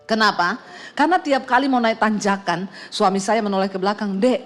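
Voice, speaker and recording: A woman's voice: mid-range voice, a little fast, fairly bright tone, soft background music. A middle-aged woman pastor, preaching with humorous storytelling, quoted voices and sound effects. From Indonesia. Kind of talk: sermon.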